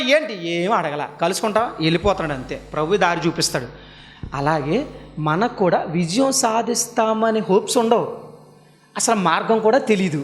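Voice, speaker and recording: A male pastor preaching a sermon, quizzing the congregation and swinging between low and high tones. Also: fairly bright tone. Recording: long reverb in a hall.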